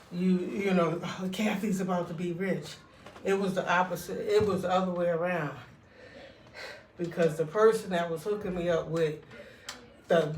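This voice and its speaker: A woman's voice: on the low side, a little hiss or hum. A woman telling a casual, rambling personal story in a conversational way, often checking in with the listener. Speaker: vlogger telling personal stories. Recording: echoey room, distant mic.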